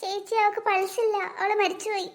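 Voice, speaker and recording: A woman voicing an excitable little boy in a cartoon, pleading and emotional. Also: very high-pitched, brisk. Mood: upset. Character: excitable little boy, protective younger brother. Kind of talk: cartoon voice acting.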